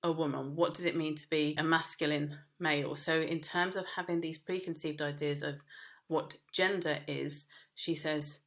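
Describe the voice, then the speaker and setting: A woman's voice: low-pitched, fairly even intonation, moderate pace. A woman teaching a media studies lesson, explaining casually with frequent fillers and restarts. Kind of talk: recorded lesson.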